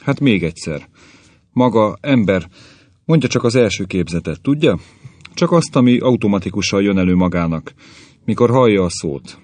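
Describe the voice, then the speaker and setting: A man's voice: on the low side, expressive, a little mellow, dry recording. A man voicing a formal, precise professor who lectures his colleagues and runs a word-association test. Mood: instructive. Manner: formal and instructive. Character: precise, dry male professor testing a subject.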